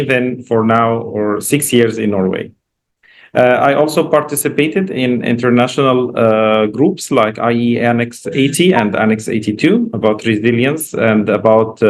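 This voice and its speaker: Over an online video call, a professor delivers a guest lecture as an informal academic talk with slides. His mid-range voice carries an Egyptian Arabic accent, and his English phrasing is clearly non-native.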